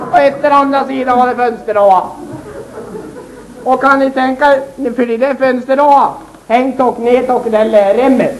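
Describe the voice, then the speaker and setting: A man's voice: very high-pitched, a little hiss or hum, low-quality recording. A man voicing an old rustic farmer who tells a rambling comic yarn in a folksy way, often calling to his listeners. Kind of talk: comic character monologue.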